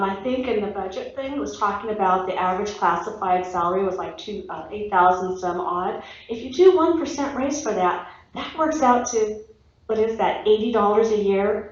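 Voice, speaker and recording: A woman giving public comment at a school board meeting, earnest and halting, with fillers and restarts. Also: mid-range voice. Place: echoey public meeting room. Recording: echoey, dull meeting-room audio.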